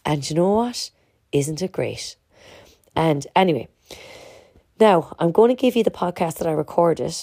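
Stuffy-nosed Irish woman, low and creaky. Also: expressive, measured pace, pauses often, warm tone, no room sound, studio quality. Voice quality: stuffy, congested nose. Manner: candid, emphatic, chatty, addressing listeners as guys. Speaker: podcast host, fitness community organiser. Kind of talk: casual motivational podcast monologue.

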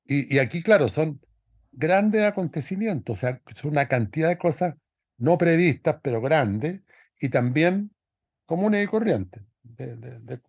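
A man's voice: mid-range voice, a little mellow, husky, no room sound. Dry-sounding man musing on film. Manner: thoughtful, rambling, many restarts. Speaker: podcast co-host. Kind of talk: casual film discussion.

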